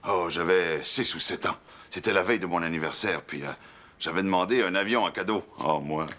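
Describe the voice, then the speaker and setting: An actor with a Quebec French accent playing Crocus, a playful, excitable young clown telling a story on a children's TV show, with many hesitations. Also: male voice, deep voice, brisk. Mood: storytelling. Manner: animated, many hesitations, shifting into other voices. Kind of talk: children's TV monologue.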